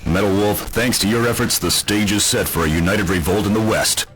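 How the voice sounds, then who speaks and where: Grave resistance leader in a voicemail message. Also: male voice, lowish voice, fairly quick, fairly bright tone, soft background music. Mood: earnest. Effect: played back as a voicemail message.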